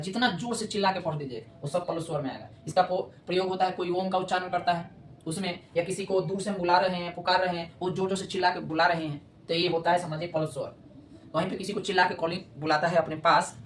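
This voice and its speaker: A woman teaching grammar, repeating points and checking often whether students follow. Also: on the low side. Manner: repetitive, checks understanding often. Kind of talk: explanatory classroom lesson. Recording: echoey room with faint noise.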